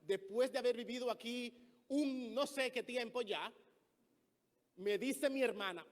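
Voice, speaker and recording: A man from the Republic, preaching a sermon, swinging between loud emphatic phrases and soft ones. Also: extremely high pitch, a little slow. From Dominican Republic. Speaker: pastor. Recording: long hall reverb.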